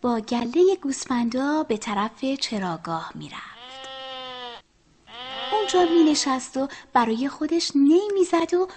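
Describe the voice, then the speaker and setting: A woman telling a children's story, speaking to the children and often dropping to a soft whisper. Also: sits high, expressive, slight background noise.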